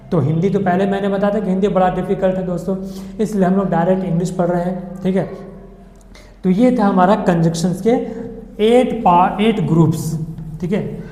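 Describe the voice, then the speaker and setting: A man teaches a grammar lesson in a patient, step-by-step way, dropping English words into his talk and pausing to ask "okay?" His voice is soft and mellow. It rings with a long reverb, as if recorded in a bare, echoing room. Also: high voice. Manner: patient explaining, repeats "okay" often; mixes English words into Hindi.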